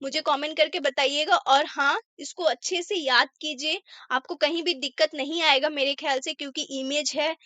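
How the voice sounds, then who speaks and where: A woman teaching English vocabulary in Hindi, repeating words and reading example sentences slowly and carefully. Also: high-pitched, fairly even intonation, sharp tone, no echo. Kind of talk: casual Hindi vocabulary lesson.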